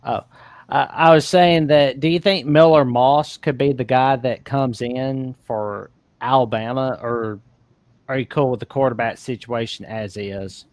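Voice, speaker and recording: A man's voice: medium pitch, steady tone, measured pace, no room sound. A man co-hosting a casual sports chat over a video call, his audio glitching and cutting out as he talks loosely with many fillers. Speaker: co-host.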